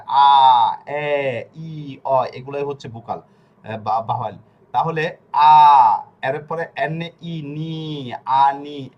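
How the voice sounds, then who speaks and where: Male language teacher, slightly high voice, slow syllable-by-syllable spelling on a video call. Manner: spells words out letter by letter, slow and deliberate; tells students to stay muted. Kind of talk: online class teaching pronunciation.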